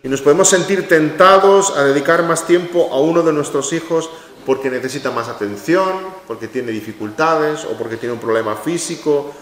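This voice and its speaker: A man's voice: a little high, moderate pace, a bit bright. A man preaching a sermon in a church hall, emphatic, repeating his key phrases and acting out short quotes. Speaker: pastor. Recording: echoey hall with long reverb.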